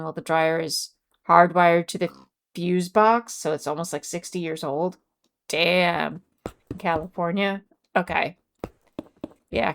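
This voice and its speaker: A woman's voice: lowish voice, gravelly. A woman streamer chatting casually with her viewers, reading out and answering chat messages. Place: home.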